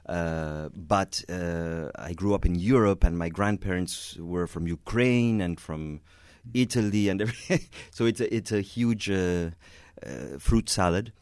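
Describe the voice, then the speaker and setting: Speaking in a low, slightly mellow voice, this Venezuelan man, a concert pianist, keeps a measured pace with hardly any pauses. He fields interview questions hesitantly, full of restarts and soft chuckles, and the recording is clean, echo-free, and studio grade.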